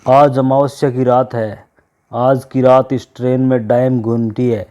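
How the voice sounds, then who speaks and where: A man's voice: mid-range voice, flat delivery, measured pace, warm tone, lo-fi sound, natural voice. A man voicing a middle-aged man declaiming an ominous warning in a story. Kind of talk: storybook dialogue.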